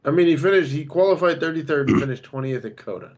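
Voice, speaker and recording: A man co-hosting a podcast, chatting casually and quickly about fantasy racing picks, laughing easily. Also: a little high, lively intonation, lo-fi sound. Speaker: podcast co-host. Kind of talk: casual sports betting chat.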